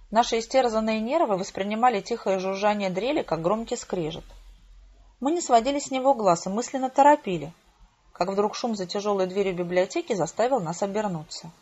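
A woman narrating an amateur audiobook in an even storytelling manner, in a dull lo-fi recording. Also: mid-range voice, slightly rough. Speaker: audiobook reader.

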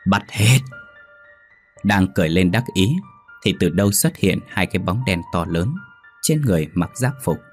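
A man narrating a ghost story in a steady, dramatic way. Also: low-pitched.

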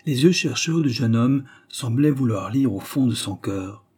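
Man reading a novel audiobook, calm and measured, warm dark voice, kinda husky. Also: medium pitch. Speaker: audiobook narrator. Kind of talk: literary audiobook narration.

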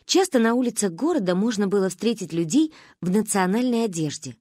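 A woman narrates a children's story with an expressive, animated delivery. Her voice is a little husky and sits in the middle of the female range. The recording is close and dry, with no room sound. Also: mid-range voice, brisk, dry recording. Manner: lively, expressive reading. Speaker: audiobook reader.

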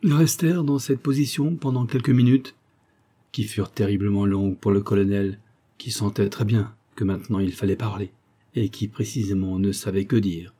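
A man narrating a novel in a calm, even reading voice. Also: lowish voice, moderate pace. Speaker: audiobook narrator.

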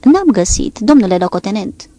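Brief: woman narrator as a bewildered young lieutenant, raised and questioning, gravelly. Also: a little high, very animated, a little mellow, no echo. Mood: puzzled. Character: puzzled young male lieutenant, out of breath.

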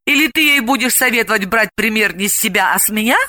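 A woman voicing a sharp-tongued, caustic psychologist who snaps back at her friend, in an audiobook reading. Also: fairly high pitch, expressive, fast talker, no echo, voice pushed up. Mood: acerbic. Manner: acerbic, snapping.

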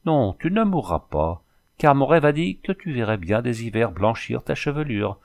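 A man reading aloud, voicing a proud young native woman in a storybook who speaks calmly and solemnly, often calling herself by name. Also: mid-range voice, normal speed, vocal fry.

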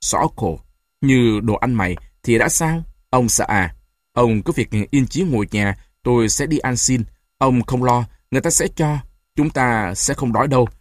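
A man voicing a gentle old grandmother who pleads softly and earnestly, in an audiobook. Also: mid-range voice, lively intonation, moderate pace, no room sound, studio quality, natural voice. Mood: soothing.

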